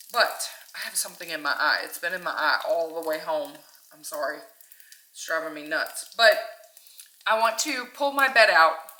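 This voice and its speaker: A woman's voice: medium pitch, pushed and bright, a little hiss or hum. A middle-aged woman casually talking through her home DIY plans, rambling with ums and restarts, recorded in her own house. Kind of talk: casual chatty vlog. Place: her home, kitchen and bedroom.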